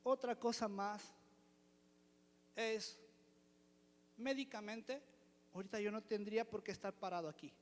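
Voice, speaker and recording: A man's voice: high-pitched, fairly even intonation, unhurried, long pauses, big-room sound. A man, from the church's pastoral team, giving an emphatic testimony sermon. He keeps returning to one refrain and asks his listeners rhetorical questions. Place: church hall.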